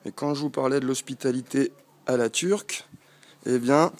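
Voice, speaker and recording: With a mid-range voice and moderate pace, a man from France rambles casually to his handheld camera. He's a travel vlogger on foot in a village street, hesitating often as he talks and walks.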